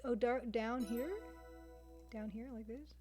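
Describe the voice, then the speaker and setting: Her voice sits on the high side with a slow pace, fairly even intonation and a slightly mellow quality, while faint music plays behind her. She's a Canadian livestreamer and game artist, chatting casually to viewers and thinking aloud as she draws.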